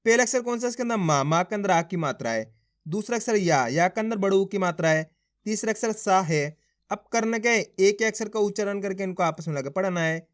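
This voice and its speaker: A man's voice: sits high, fairly quick. A man teaching Hindi reading, sounding out words syllable by syllable and quizzing his viewers as friends. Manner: addresses viewers as friends, urging them to try. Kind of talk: slow spelling-out lesson.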